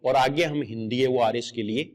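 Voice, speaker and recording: A man's voice: medium pitch, steady tone, normal speed, a little mellow. A middle-aged man teaching exam grammar in a patient lecture, explaining step by step and repeating each correct word aloud.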